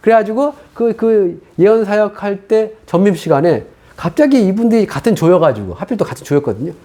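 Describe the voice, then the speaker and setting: A high-voiced, quick-talking middle-aged male pastor gives a sermon testimony. His pitch swings widely as he acts out his past words and thoughts. The delivery is animated storytelling from the pulpit.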